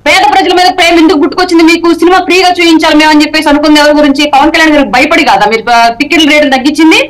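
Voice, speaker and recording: A woman speaking for her party in a TV debate, loud and firing off rhetorical questions. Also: high-pitched, fairly even intonation, rapid-fire, rough recording. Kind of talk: heated TV debate.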